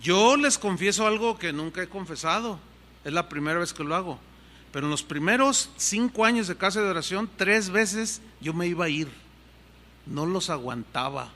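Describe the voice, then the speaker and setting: Older man, sermon, bright forceful tone, echoing church hall. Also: high-pitched, expressive, moderate pace. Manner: conversational and earnest, shifting pace freely. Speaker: pastor. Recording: reverberant hall sound.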